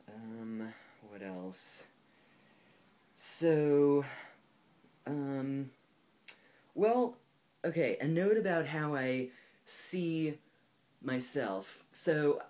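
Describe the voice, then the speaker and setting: In a mid-range, darkish voice, a twenty-something video blogger speaks to camera for his personal vlog. The talk is casual, thoughtful and candid, and packed with "like" and "um."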